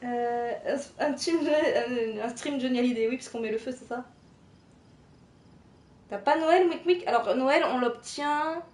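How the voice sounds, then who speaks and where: A woman's voice: fairly high pitch, normal speed, few pauses, a little hiss or hum. A woman streaming a game late at night at home, chatting loosely with her viewers and chuckling as she reads their messages. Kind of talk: casual live-stream chat.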